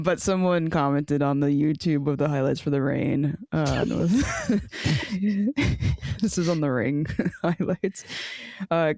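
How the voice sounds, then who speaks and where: A woman's voice: low voice, darkish tone, no room sound, clean studio sound. A woman co-hosting a casual sports podcast, blunt and frustrated, swearing and laughing as she talks. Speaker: podcast co-host.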